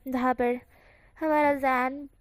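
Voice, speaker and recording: A woman narrates a fan story in a casual, chatty way, now and then correcting herself. Her voice sits high, and the recording is close and dry with no room sound. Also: little pitch movement, slow pace, clear, resonant tone, dry recording.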